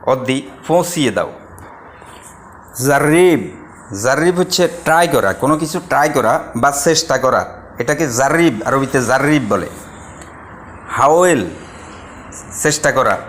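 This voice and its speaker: A young man teaching a vocabulary lesson, saying each word and then repeating its meaning slowly. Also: mid-range voice, expressive, fairly bright tone, a little hiss or hum. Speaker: Arabic language teacher.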